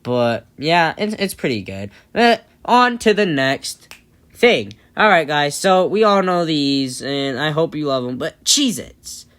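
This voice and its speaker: A man's voice: a little high, sing-song, takes it slowly, fairly bright tone. A young man hosting a casual vlog, rambling and chatty, laughing now and then. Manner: rambling and chatty, often laughing, many fillers. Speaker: vlog host. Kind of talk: casual storytime chat.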